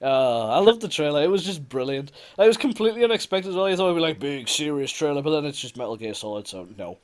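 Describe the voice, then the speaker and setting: A man hosts a casual gaming podcast in a high voice. He runs through the news with quick sarcastic remarks and often laughs along the way. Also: sing-song. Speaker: podcast host.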